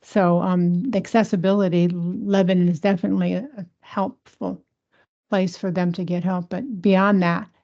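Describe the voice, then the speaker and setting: Woman, committee member, calm and measured, warm lower voice, lo-fi room audio. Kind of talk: casual meeting discussion. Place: city committee meeting room. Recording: dull lo-fi meeting recording.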